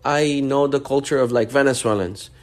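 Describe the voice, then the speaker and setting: A man's voice: medium pitch, normal speed, a little mellow. Rambling Honduran-born man hosting a podcast. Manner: friendly, rambling, many fillers. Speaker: podcast host. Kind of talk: casual podcast chat. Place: Miami.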